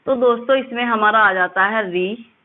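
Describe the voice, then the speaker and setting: Woman teacher, higher voice, slow sound drills, asks and answers her own questions; tinny audio. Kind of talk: classroom lesson.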